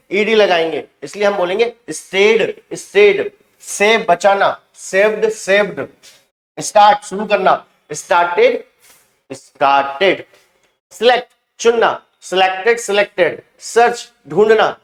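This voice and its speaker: A man with a high-pitched voice takes learners through English verb forms in a steady drill. He says each word slowly and carefully and repeats it twice. The sound carries an echo from the room. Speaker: English teacher. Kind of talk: spoken vocabulary drill.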